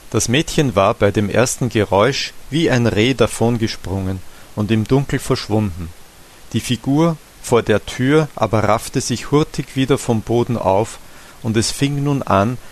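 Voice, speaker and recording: A man narrating a classic novella as a steady audiobook reader. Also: on the low side. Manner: steady storytelling reading. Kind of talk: scripted narration.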